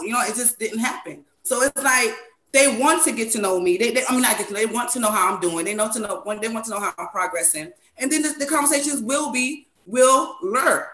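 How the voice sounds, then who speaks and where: A woman's voice: on the high side, fairly bright tone. A woman chatting candidly as a panelist, emphatic and often repeating phrases for weight. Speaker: talk show panelist. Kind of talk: casual, candid chat. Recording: roomy, echoing sound.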